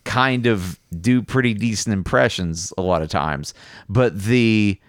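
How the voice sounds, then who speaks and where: A man's voice: fairly low pitch, unhurried, no room sound, studio quality. A man co-hosting a casual chat, rambling and self-deprecating with frequent restarts. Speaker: podcast co-host.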